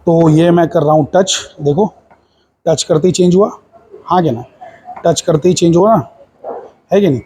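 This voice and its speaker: A man's voice: fairly high pitch, normal speed, long pauses, mellow, husky. A man teaching a physics lab in Hindi mixed with English, with an Indian accent. He explains step by step and keeps checking that the class follows. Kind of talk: hands-on lab demonstration.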